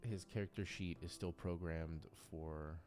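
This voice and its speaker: Low-pitched and unhurried, this man speaks in a steady, darkish tone over faint background music. He's the creator and game master of a tabletop RPG audio drama, offering loose, unscripted commentary as he works through character sheets and now and then murmuring nonsense sounds to himself.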